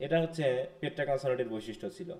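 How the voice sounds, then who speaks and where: A man's voice: mid-range voice, very fast, darkish tone. A man from Bangladesh teaching a live online class, questioning students and mixing English terms into his lecture.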